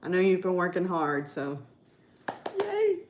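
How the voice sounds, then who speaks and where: A woman's voice: medium pitch, normal speed. A middle-aged woman with a Californian accent chatting casually on a livestream, peppering her talk with "like" and "you know". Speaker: livestream host. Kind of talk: casual live chat with viewers.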